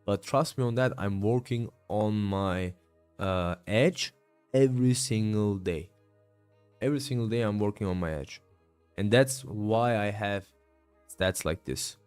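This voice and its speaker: Worn out after a long stretch of live day trading, a man in his late twenties casually explains his trades and responds to chat, peppering his speech with fillers and "bro." He speaks at a measured pace in a smooth, darkish, lowish voice, with faint music behind.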